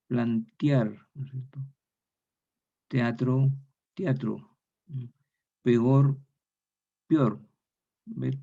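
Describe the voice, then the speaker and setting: A man's voice: mid-range voice, gravelly, mellow. A man giving a methodical lecture, repeating each example word aloud. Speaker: university lecturer. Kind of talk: recorded lecture. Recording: dull lo-fi recording.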